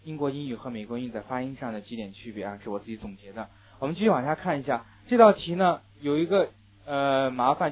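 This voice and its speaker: A man, a native Chinese speaker, gives a classroom lecture on English listening and pronunciation. He poses questions and answers them himself, and models words for the class to repeat. His voice sits at an ordinary middle pitch, and the recording is thin and phone-like. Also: breathy edge. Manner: drills pronunciation, asks and answers own questions. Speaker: English teacher.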